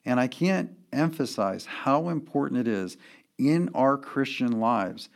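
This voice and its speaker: A man's voice: mid-range voice, animated, measured pace, creaky. A man giving an earnest church history lecture, working through his points with emphasis.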